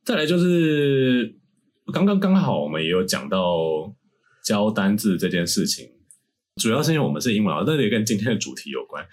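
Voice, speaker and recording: Host with a low, husky voice. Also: male voice, big pitch swings, a little fast. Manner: laughs often, drops English words into speech. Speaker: podcast host, English teacher. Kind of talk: casual podcast chat.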